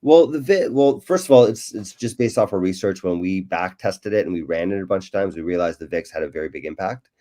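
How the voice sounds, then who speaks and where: A man's voice: low-pitched, brisk, mellow. A man casually explaining how his trading algorithms work, with lots of "right?" checks and fillers. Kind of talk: casual interview chat.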